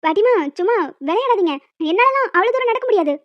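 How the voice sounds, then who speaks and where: Cheeky hostel schoolgirls, all done by one woman, chatter and tease each other in a cartoon. The voices are very high and quick. The sound is dry and close. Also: expressive, no room sound, dull audio. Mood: pleading. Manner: chatty, teasing.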